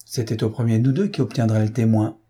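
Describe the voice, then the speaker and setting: A man voicing a self-assured male police inspector, explaining briskly and confidently. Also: fairly low pitch, warm tone, husky.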